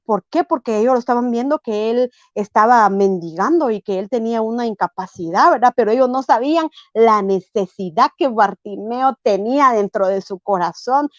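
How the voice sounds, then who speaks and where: A woman's voice: fairly high pitch, normal speed, few pauses, dry recording, dull audio. A woman preaching a sermon, often asking her listeners "right?" and acting out the voices of people in the story. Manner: preaching with frequent tag questions and dramatized quotes.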